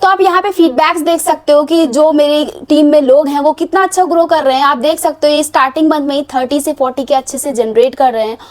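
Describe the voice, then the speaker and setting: High-pitched woman, young adult, casual sales talk, persuasive, code-mixing English. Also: quick pace, hardly any pauses. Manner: persuasive, repetitive, mixes English words into Hindi. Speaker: online course promoter.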